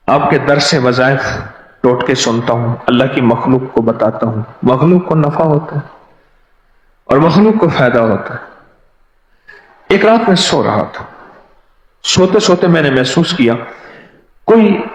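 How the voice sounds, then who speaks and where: A man preaching a sermon, telling stories with quoted dialogue in an animated way. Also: a little high. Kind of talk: sermon storytelling. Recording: echoey hall, dull lo-fi sound.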